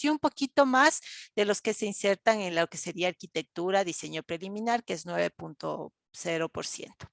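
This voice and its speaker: A university lecturer with a mid-range, gravelly, somewhat bright voice teaches an online class with no room sound. She explains things step by step, using frequent fillers and checking in with her students.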